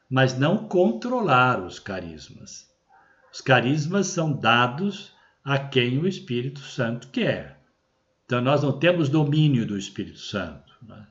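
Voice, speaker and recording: A man with a Brazilian Portuguese accent, a bishop giving an unscripted religious teaching, explaining carefully and often checking in with tag questions. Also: mid-range voice. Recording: dull lo-fi recording.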